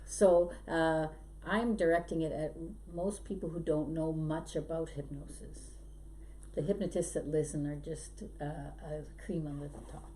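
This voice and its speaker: Her voice is low and dark with fairly even intonation and a slightly slow pace: a middle-aged woman, Belgian-born and Canadian-raised, guesting on a podcast. A hypnosis trainer, she spins stories about her life in a chatty interview, laughing often over faint background noise.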